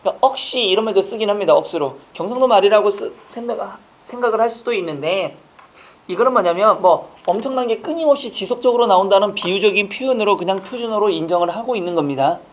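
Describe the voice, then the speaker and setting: Quizzing his audience with rapid rhetorical questions, a male instructor runs an online exam-prep class and tosses off joking asides along the way. His voice sits high.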